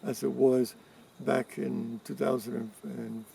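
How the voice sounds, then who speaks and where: A man in his seventies from Cuba, giving interview answers in a measured way with pauses and restarts. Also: mid-range voice, little pitch movement, gravelly. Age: 70s. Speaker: interviewee, environmental activist. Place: rural farm in mountains. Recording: distant mic with faint background noise.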